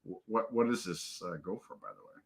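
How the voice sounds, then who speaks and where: A man's voice: lowish voice, fairly quick, vocal fry. A man co-hosting a casual livestream, joking about himself in wry banter. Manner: wry, self-deprecating banter. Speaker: co-host.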